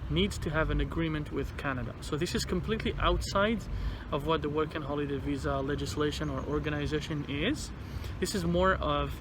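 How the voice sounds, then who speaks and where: Male vlogger, fairly high voice through a face mask, halting informal explainer, recorded outdoors over clear traffic noise. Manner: halting, repeats words. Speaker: vlogger giving visa advice. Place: outdoors in a city. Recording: noisy outdoor city traffic background.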